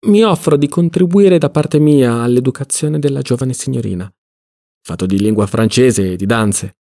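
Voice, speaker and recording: A man reading an audiobook, voicing a cynical, mocking middle-aged male libertine in a low, soft drawl. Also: moderate pace, natural voice. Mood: boastful.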